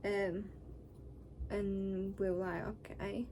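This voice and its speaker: Woman, Northern English accent, after wisdom-tooth removal, weary, sore scratchy throat, slow pace, casual storytelling, faint background noise. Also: medium pitch, steady tone, mellow. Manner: sweary, blunt. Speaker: vlogger. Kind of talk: casual personal storytelling to camera.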